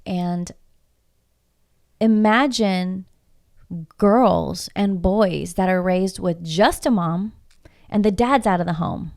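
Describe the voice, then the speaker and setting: With a fairly low, slightly mellow voice, this Houston woman, a native Spanish speaker, talks slowly with long pauses as a podcast guest. Her casual conversation is emphatic and reflective, laced with rhetorical questions.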